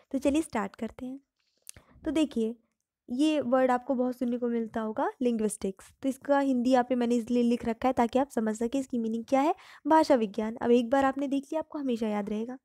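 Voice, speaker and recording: A woman's voice: high voice, warm tone, dry recording, clean studio sound. A woman teaching English grammar in Hindi, patiently explaining each term and repeating examples.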